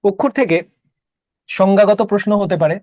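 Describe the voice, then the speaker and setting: A man with a high voice teaches a class. He explains patiently step by step and keeps asking whether students follow. The sound is close and dry. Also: fairly quick, darkish tone, dry recording. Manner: explains step by step, checks understanding with questions. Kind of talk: online class lecture.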